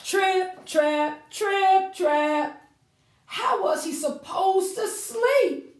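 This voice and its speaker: A woman, a children's librarian, hosts a storytime with read-alouds and sing-alongs, explaining things simply and asking young listeners questions. Her voice is very high-pitched and very slow. It's recorded in an echoey room.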